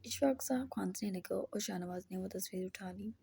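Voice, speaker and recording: A woman narrating a novel as an audiobook in a hushed, half-whispered reading. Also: medium pitch, normal speed, vocal fry, a little hiss or hum.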